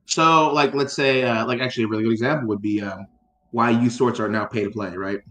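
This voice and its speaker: A man's voice: mid-range voice, steady tone, brisk, a bit bright, echoey room. A man co-hosting a casual chat, rambling with many fillers and restarts and casual swearing. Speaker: podcast co-host.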